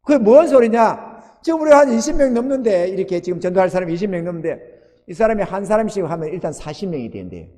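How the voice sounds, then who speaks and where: A man preaching in a high, lively voice that leaps from quiet asides to shouted cries. He acts out little scenes in quoted voices, and his words ring with a long reverb through a church sanctuary. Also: fast talker. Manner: animated, swinging from hushed to shouted exclamations. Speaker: pastor. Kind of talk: sermon.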